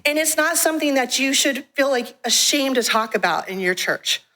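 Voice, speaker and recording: A woman with a slightly high voice gives a testimony talk to a church congregation. She speaks frankly and tells her story in an animated way, breaking into laughs here and there. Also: moderate pace. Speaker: guest speaker from a ministry. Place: church sanctuary.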